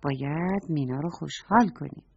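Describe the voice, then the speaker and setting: A woman voicing a kind mother who gently teaches her daughter a lesson, on a dull lo-fi recording. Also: low voice, gravelly, slight background noise. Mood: gentle, instructive.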